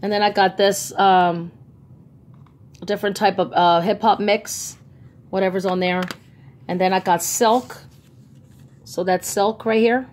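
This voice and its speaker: A woman's voice: medium pitch, steady tone, a little slow, pauses often. Chatty lady doing a haul video on her phone, lots of ums, gushy, bit of faint hiss and clicks. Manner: chatty, enthusiastic, many ums. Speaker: vlogger. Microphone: phone held by the speaker, off camera.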